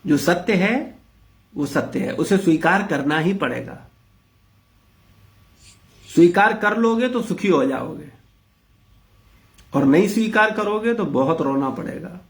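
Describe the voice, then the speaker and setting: High-voiced man preaching. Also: lively intonation, measured pace, creaky, pauses often. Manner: rhetorical, questioning the audience, blunt. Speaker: spiritual teacher leading a class. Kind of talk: interactive spiritual discourse.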